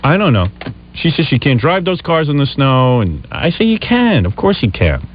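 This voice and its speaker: A man's voice: medium pitch, big pitch swings, moderate pace, a little hiss or hum. A man hosting a radio show, telling an exasperated comic story and acting out both sides of an argument. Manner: exasperated, re-enacting quarrels in quotes. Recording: lo-fi radio recording.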